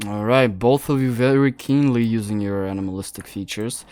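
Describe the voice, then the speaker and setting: A man narrating as game master in a tabletop role-play, describing the scene slowly. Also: lowish voice, a little mellow, clear, resonant tone, dry recording, soft background music.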